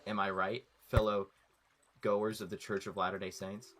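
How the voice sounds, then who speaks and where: Lowish young guy deadpanning jokes on voice chat, game music behind. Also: little pitch movement, moderate pace, a bit bright. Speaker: gamer in group voice call. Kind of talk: casual crude banter over gameplay.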